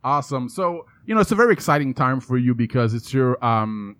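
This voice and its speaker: A man's voice: medium pitch, fairly quick, no echo. Playful man hosting. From French Canada. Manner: playful, energetic, rhyming hype lines. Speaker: podcast host. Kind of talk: upbeat interview chat.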